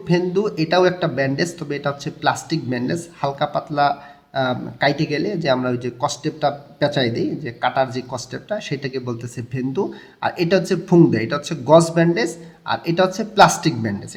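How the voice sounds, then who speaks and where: A man's voice: on the high side, quick pace, vocal fry. A young man with a Bangladeshi Bengali accent teaching a Korean textbook lesson, explaining step by step and repeating key words.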